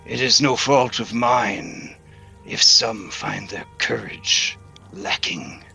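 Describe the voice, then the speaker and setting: A man voicing a haughty, boastful dragon in a tabletop game, with a deep, rumbly, gravelly growl and slow pompous delivery. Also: sharp tone, soft background music, heavily acted. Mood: smug disdain. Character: smug haughty boastful dragon, huge and male.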